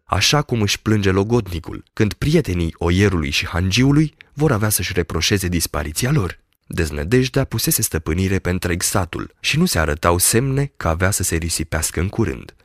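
Man, audiobook narration, measured, steady, deep voice, dry sound. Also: no room sound. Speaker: audiobook reader. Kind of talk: scripted literary narration.

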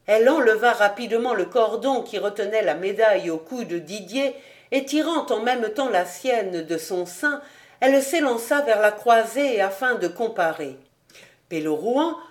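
A woman narrating a classic French novel as an audiobook reader, in a steady storytelling manner. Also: medium pitch. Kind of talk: literary narration.

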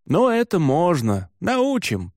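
Cheeky young male herder as a male reader puts him on, eager, sly, audiobook, fairly high. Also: slow pace, dry recording, studio quality, full character voice. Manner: offhand, lively, a bit sly.

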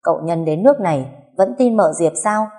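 A woman's voice: fairly low pitch, lively intonation, a little fast, a little mellow, natural voice. A woman voicing a scheming young maidservant who tattles in an eager, insinuating way. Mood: tattling.

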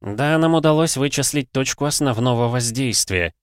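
A man voicing a soft-spoken, sardonic older male cardinal in an audiobook. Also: mid-range voice, moderate pace, clean tone, no room sound, studio quality, voice pushed up, close to an everyday voice.

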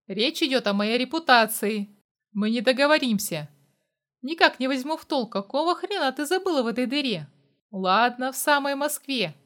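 A woman voicing a hard-bitten male mercenary who talks in curt, loud, barking lines in a spoken story. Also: sits high, lively intonation, moderate pace, pitched above the performer's own voice. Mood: gruff.

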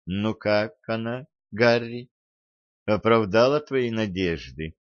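A man reading a betrayed woman who speaks quietly and indifferently, in a storybook narration. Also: on the low side, slow pace, no room sound, dull audio. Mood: cold. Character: cold, betrayed woman, flat and detached.

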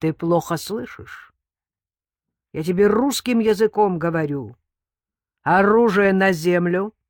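A man's voice: on the high side, lively intonation, normal speed, creaky, dry recording, clean studio sound. A woman reading an audiobook, voicing a cold, threatening armed man who barks orders. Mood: harsh, commanding. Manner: barking orders, loud. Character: menacing armed young man, cold and commanding.

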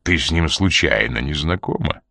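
A man voicing a cold, menacing man who presses a woman with slow, quiet, threatening questions. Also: very deep voice, expressive, creaky, no echo, studio quality, pitched below the performer's own voice, heavily acted. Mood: probing.

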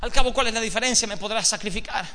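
A man voicing a frightened young boy bound on an altar, crying out high for his father. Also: fast talker, sharp tone. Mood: pleading. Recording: echoey hall.

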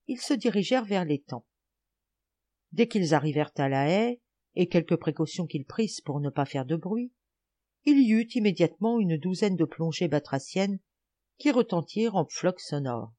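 Woman audiobook narrator, animated and expressive, wide pitch swings. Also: moderate pace. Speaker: audiobook reader.

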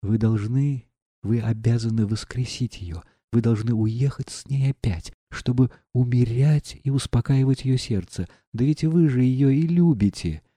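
Мужик читает за гордую молодую барыню, взволнованная, упрекает, голос тёмный мягкий. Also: male voice, medium pitch, unhurried, warm tone, no room sound, studio quality, lightly acted. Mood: agitated. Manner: agitated, reproachful questioning. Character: proud passionate young noblewoman.

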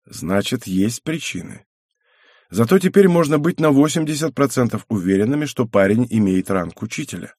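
A man voicing a calm, wry middle-aged clan head in an audiobook. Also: mid-range voice, normal speed, no echo, studio quality, natural voice.

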